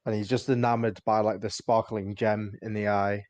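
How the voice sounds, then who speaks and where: A man's voice: fairly low pitch, flat delivery, moderate pace, a little mellow, no room sound. A man playing a tabletop game, chatting casually and describing what his character does.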